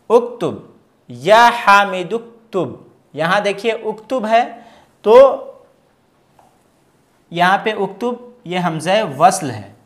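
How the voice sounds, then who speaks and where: A man teaching an Arabic grammar lesson step by step, patiently asking questions and answering them himself, and reading example phrases slowly and carefully. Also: high-pitched. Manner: explains patiently, asks and answers his own questions.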